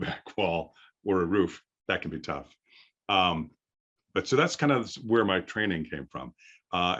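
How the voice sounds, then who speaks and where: In an informal workshop, a middle-aged voice acting coach lectures with a deep, firm voice that's a bit bright, stopping haltingly to think mid-explanation. The recording's highs are cut off.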